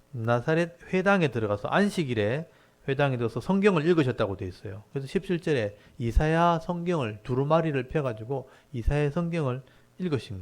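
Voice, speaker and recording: Man, pastor, Bible lecture sermon, verse-by-verse explanation, mid pitch. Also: darkish tone. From South Korea. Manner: explains verse by verse, acts out mocking townspeople.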